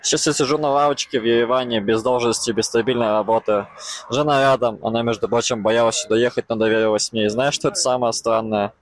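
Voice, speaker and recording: A young man speaks candidly and reflectively in a personal video monologue. The sound is dry and close, with no room echo, and his pitch is mid-range. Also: fairly even intonation, fast talker. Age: young adult.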